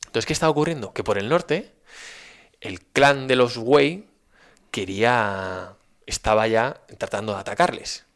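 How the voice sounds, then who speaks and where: Gravelly-voiced Spanish storyteller man. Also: medium pitch, unhurried. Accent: Spain. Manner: animated, folksy, frequent "¿vale?" check-ins. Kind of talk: storytelling in casual chat.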